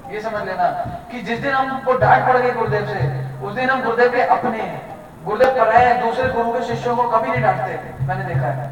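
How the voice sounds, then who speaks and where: A man's voice: high voice, highs cut off. A man giving an earnest devotional talk, telling stories and mixing in English words. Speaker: devotee speaker. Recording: distant mic, echoey hall, music behind.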